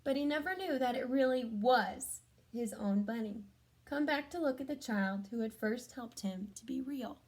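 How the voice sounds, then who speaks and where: An adult woman with a slightly high voice reads a storybook aloud to children at normal speed. Along the way she adds gentle, chatty comments and asks questions of her young listeners.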